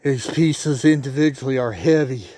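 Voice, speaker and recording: A man narrating his own project vlog outdoors in a casual, halting way, thinking aloud as he works. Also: medium pitch, warm tone, no echo. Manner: chatty and halting, thinking aloud while working. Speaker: DIY vlogger. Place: outdoors by a driveway.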